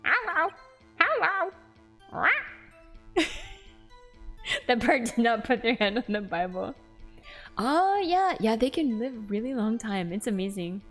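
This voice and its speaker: A woman's voice: on the high side, animated, normal speed, soft background music. A woman live-streaming a game, chatting with viewers in a playful, giggly way. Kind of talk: live stream chat with game dialogue read aloud.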